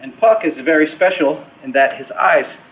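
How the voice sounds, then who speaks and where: In the backstage and storage rooms of a puppet theater, a man hosts an informal tour, speaking off the cuff at a moderate pace in a fairly high, somewhat bright voice. He leans on showman phrasing and emphatic repetition, and the distant mic picks up echo and background noise.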